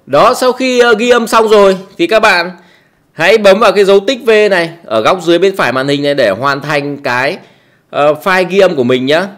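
Brief: male tutorial host, slightly high voice, loose chatty delivery full of fillers, small closed room. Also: a little fast, fairly bright tone. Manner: chatty, many fillers and repeats, tag words at ends. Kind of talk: casual how-to tutorial.

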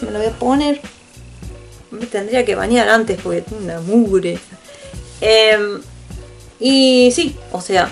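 A woman's voice: fairly high pitch, gravelly. A woman with an Argentine Spanish accent chatting casually and rambling through an unboxing, swearing offhandedly and often laughing. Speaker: vlogger.

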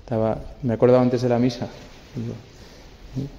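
A man's voice: mid-range voice, little pitch movement, brisk, gravelly, mellow, lo-fi sound. A man, a priest, giving a conversational homily at a memorial mass, often tagging his sentences with a questioning "eh?". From Spain. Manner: conversational, keeps adding a tag "eh?". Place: church. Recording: long church reverb.

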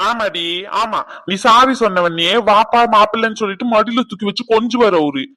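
A man voicing a hot-tempered, blunt husband in a cartoon drama, who scolds loudly and throws insults. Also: high-pitched, brisk. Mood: scolding.

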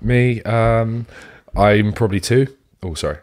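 A man's voice: on the low side, unhurried, a little mellow. A man co-hosting a podcast, asking curious questions and getting a little flustered in casual chat. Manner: curious, a bit flustered, self-conscious laughs. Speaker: podcast co-host.

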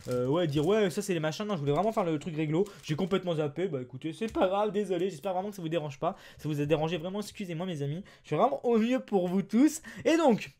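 French dude ripping open card packs, voice jumping all over, super hyped, chatty. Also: male voice, sits high, fast, hardly any pauses. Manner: excitable, chatty, exclaims over cards. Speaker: card opening youtuber. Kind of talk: casual unboxing chat.

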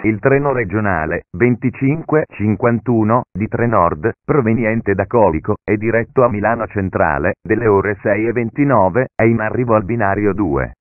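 A man's recorded voice giving automated train station announcements in measured, segmented phrases pieced together with uneven pitch jumps. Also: no echo. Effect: announcement heard as a recorded station PA message. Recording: narrow, phone-like, dry PA audio.

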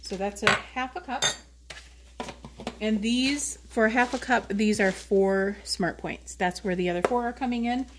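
A woman from the United States speaks a little slowly, her voice on the high side, as she chats her way through a casual home cooking video. A camera on a tripod records her in a noisy home kitchen.

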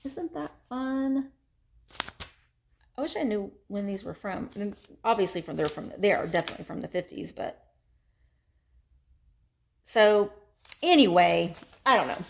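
A vintage reseller and vlogger in her forties chats casually through a haul video, filmed on a phone camera held close inside an antique shop. Her mid-range voice is creaky, with lively intonation, an unhurried pace, and long pauses. She rambles with fillers and self-corrections, and a little hiss or hum sits under the recording.

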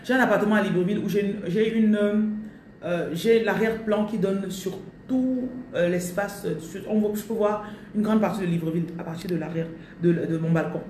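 A woman with a brisk, darkish, mid-range voice gives a live spiritual coaching talk, emphatically declaring affirmations over the crowd. She repeats phrases and lapses into English, recorded on a distant mic with a roomy echo and slight background noise.

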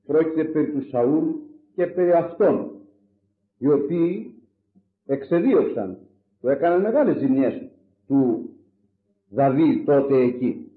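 A man preaching in a lively, higher-pitched voice that climbs and drops with every point. He argues rhetorically, throwing out loud exclamations and then sinking to low asides. The recording is thin and phone-like, with a roomy echo around him. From Greece. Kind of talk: sermon.

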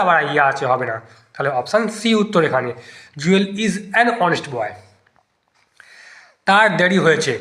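A man's voice: fairly high pitch, bright, forceful tone. A man teaching an exam-prep lesson, thinking aloud as he tests each answer option in turn. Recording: echoey room.

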